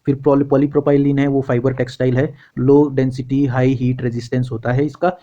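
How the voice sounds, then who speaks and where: A man tutoring for a civil service exam, explaining answers in a relaxed way that thinks aloud and restarts words. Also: medium pitch, normal speed, dull audio.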